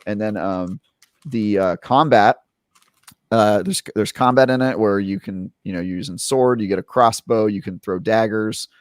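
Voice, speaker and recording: A man's voice: on the low side, normal speed, dry recording, clean studio sound. A young adult man on a casual gaming podcast, telling a long story with lots of fillers and restarts. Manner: rambling, filler-heavy, animated retelling. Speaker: podcast co-host, game reviewer.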